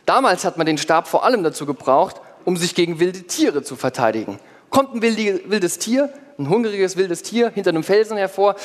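Male preacher, slightly high voice, lively sermon in role as an apostle, long church reverb. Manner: lively, playful asides to the congregation. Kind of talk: sermon told in first person as one of the apostles. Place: church hall before a congregation.

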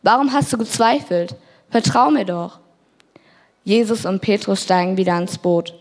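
Woman, scripture reader, plain even read-aloud, mid pitch. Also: moderate pace. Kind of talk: reading a Bible story aloud.

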